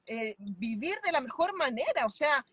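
A woman's voice: high voice, sing-song, normal speed, background noise. A woman in her thirties with a Chilean accent, speaking fervently on a video call from inside a car. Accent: Chilean Spanish. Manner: fervent, emphatic. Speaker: mentoring client. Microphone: phone at arm's length.

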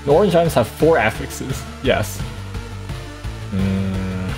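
A man streaming a game, chatting casually and thinking aloud with quick reactions. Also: fairly low pitch, animated, music in the background. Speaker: gaming streamer.

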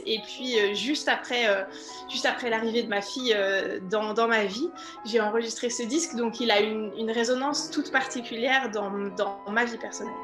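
A French woman in her thirties, a pianist, talks over a video call from a room at home. Her voice sits a little high, and she hesitates and restarts as she thinks. The room is echoey, and soft music plays underneath. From France. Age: 30s. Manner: thoughtful, many hesitations and restarts. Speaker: concert pianist. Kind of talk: remote interview.

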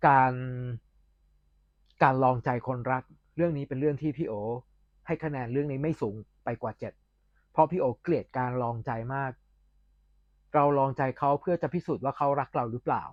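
A man giving a casual, candid and opinionated film review in a chatty vlog with pauses, recorded with a dull, lo-fi sound. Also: medium pitch, no room sound.

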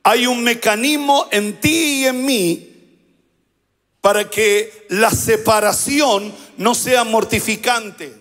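A pastor delivering a sermon, prompting the congregation to repeat phrases back to him. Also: male voice, extremely high pitch, slow, a bit bright, big-room sound. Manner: preaching with call-and-response prompts to the congregation.

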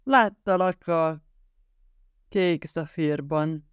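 A man voicing a drunk, violent, jealous husband who snarls and yells his threats, raised and loud against his own reading voice. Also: a little high, clear, resonant tone, no echo, studio quality, voice pushed up, close to an everyday voice. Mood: drunk raging. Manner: snarling, yelling, slurring threats.

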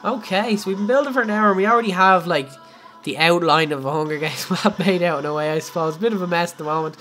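Talking at a quick pace in a high, fairly bright voice, a young Irishman gives a casual building tutorial on a game live stream. He chats and laughs a lot, speaking directly to his audience while faint music plays.

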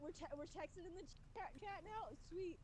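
Very high-voiced excitable woman gamer. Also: normal speed, a little hiss or hum. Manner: excitable, self-mocking. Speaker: player. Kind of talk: casual game chat.

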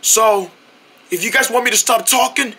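A woman voicing a glum young male cartoon character who has lost his voice, talking hoarsely and sulking. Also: fairly high pitch, moderate pace, sharp tone, pitched below the performer's own voice, heavily acted. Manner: mopey, sulking. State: hoarse, voice nearly gone. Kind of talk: homemade cartoon voice acting.

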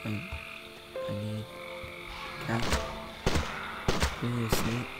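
A young man mutters casual commentary as he plays a game. He is slow, halting and monotone, with loud game music behind him. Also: fairly low pitch. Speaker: gameplay commentator.

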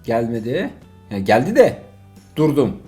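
A middle-aged man, a father, playing a mobile driving game with his son and commenting casually, excitable and exasperated by turns, full of jokes. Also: mid-range voice, measured pace, soft background music.

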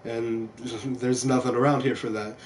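A young man from a small Kentucky town rambles conversationally, telling casual stories in an American accent as he streams a video game at home indoors. His medium-pitched voice stays level and a little slow, and the rough recording carries a bit of hiss or hum along with background music.

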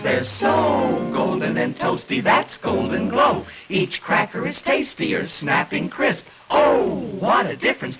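A man announcing a 1950s TV commercial in a sing-song, gushing sales pitch. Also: poor audio. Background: loud jingle music.

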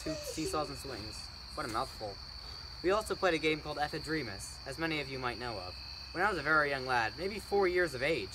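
A man's voice: on the high side, natural voice. A teenage boy acting as a cocky, teasing Athenian boy talking about his childhood in a school project drama. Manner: teasing, blunt. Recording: noisy outdoor recording with crickets.

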